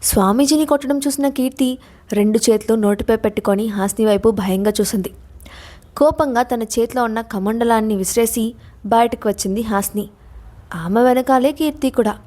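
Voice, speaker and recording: A woman narrating a suspense story in an expressive, scripted storytelling voice. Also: fairly high pitch, normal speed.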